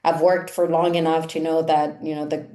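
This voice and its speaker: Low-voiced woman, roomy echo. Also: flat delivery, moderate pace, warm tone. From Italy. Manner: chatty, frequent "like" fillers. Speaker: women's coach, guest. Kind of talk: casual interview chat.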